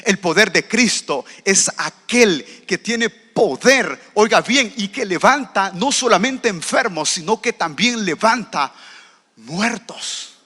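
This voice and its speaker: A man's voice: high-pitched, expressive, unhurried, hardly any pauses, pushed and bright, slightly rough, long reverb tail. A man preaching a sermon as pastor, asking the congregation rhetorical questions. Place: church.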